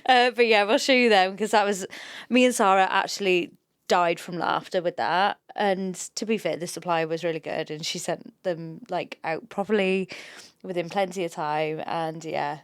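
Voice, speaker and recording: A woman's voice: on the low side, steady tone, moderate pace, smooth, no room sound, studio quality. A woman chatting casually as a company co-host, with a giggly manner of talking. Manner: giggly, often laughs while talking. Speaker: company co-host presenting products. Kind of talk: casual chat.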